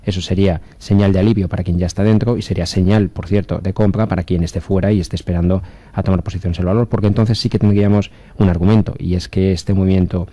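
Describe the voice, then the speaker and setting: Man, market analyst, deep mellow voice, hesitant fillers. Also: fairly even intonation, no echo. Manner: measured technical explanation with many fillers.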